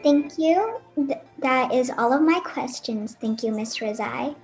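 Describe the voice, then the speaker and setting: A woman carefully reads prepared interview questions in a high, clear voice, with faint music behind her. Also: expressive, measured pace. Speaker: young interviewer.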